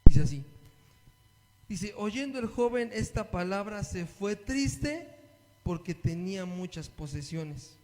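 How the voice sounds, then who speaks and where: High-voiced man preaching in an echoing hall. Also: measured pace, darkish tone. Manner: reads scripture aloud and asks the listeners questions. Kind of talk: sermon Bible study. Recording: long echo of a hall.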